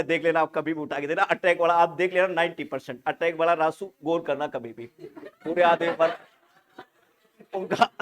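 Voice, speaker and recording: A man teaching a nursing exam class online, joking and teasing his students for laughing. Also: high voice. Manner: animated, laughs often.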